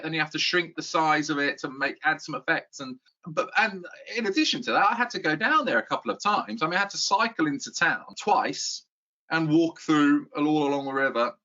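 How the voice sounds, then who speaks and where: A man's voice: fairly high pitch, sharp tone, highs cut off. Rambling, self-deprecating middle-aged man. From England. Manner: rambling, self-deprecating, with frequent restarts and chuckles. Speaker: YouTube guide host, interview guest. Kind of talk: casual interview chat.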